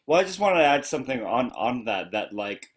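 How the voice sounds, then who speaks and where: A man's voice: medium pitch, sing-song, brisk. A male cast member on a video call, speaking earnestly and restarting phrases in a casual panel.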